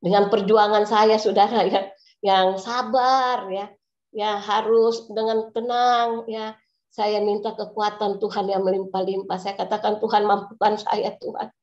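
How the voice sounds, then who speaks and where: A woman's voice: medium pitch, little pitch movement, a little slow, darkish tone. A middle-aged woman pastor giving an earnest testimony sermon, often addressing her listeners directly. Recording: echoey, slightly dull recording.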